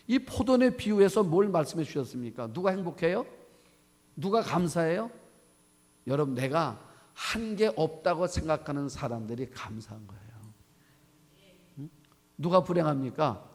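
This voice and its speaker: A man's voice: fairly high pitch, a little mellow. A male pastor preaching a sermon, telling a story and putting questions to the congregation. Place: church sanctuary. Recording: long church reverb.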